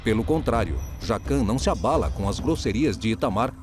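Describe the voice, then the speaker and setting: Lively male reality narrator. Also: mid-range voice, a little fast, slight background noise. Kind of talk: scripted narration.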